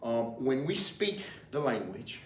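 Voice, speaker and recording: Male language teacher, Louisiana Cajun accent, deliberate and repetitive, slow delivery, picked up by a distant mic. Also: mid-range voice, sing-song. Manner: deliberate, repetitive, with hesitant pauses. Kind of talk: informal lesson, explaining and repeating words. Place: indoors in a library. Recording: roomy, distant mic, faint noise.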